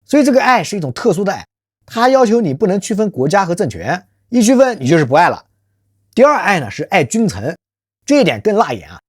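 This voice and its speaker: A medium-pitched, slightly rough voice with a sing-song lilt rattles off a channel host's scripted social commentary at a fast clip. The host, who calls themselves by a nickname in the third person, is emphatic and keeps putting rhetorical questions to listeners. Clean studio sound, free of room noise.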